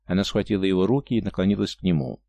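A man reading a novel aloud as an audiobook narrator, measured and even, close to the mic. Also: sits low, vocal fry, no echo. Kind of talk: scripted narration.

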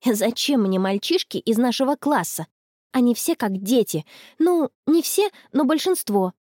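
A woman voicing a dreamy, stubborn teenage schoolgirl in love, in a storybook, soft and a little touchy. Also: on the high side, expressive, a little slow, breathy edge, no room sound, studio quality.

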